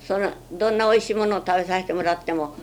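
An elderly woman with a western Japanese Chugoku accent, reminiscing in a plain-spoken, halting way during an interview. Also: lowish voice, steady tone, a little mellow, a little hiss or hum. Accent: western Japanese, Chugoku dialect. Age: 70s or older. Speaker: oral history interviewee.

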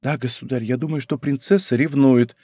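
A man's voice: medium pitch, steady tone, brisk, dark tone, slightly rough, no echo, clean studio sound, natural voice. A man voicing a timid, frightened young court lady, pleading in anxious exclamations in an audiobook reading.

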